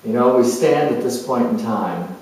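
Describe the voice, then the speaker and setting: This man's mid-range, slightly mellow voice is expressive and lightly acted as he plays an earnest, reflective spiritual seeker, a former adventurer now working as a motivational broadcaster. The dramatized monologue is delivered conversationally, haltingly and with pauses. A distant mic picks him up in an echoey room.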